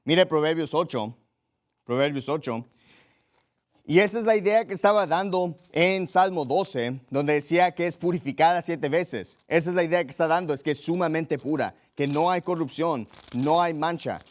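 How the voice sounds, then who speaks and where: A man's voice: on the high side, normal speed. A young adult man preaching a sermon as pastor, emphatic, repeating phrases and reading scripture aloud.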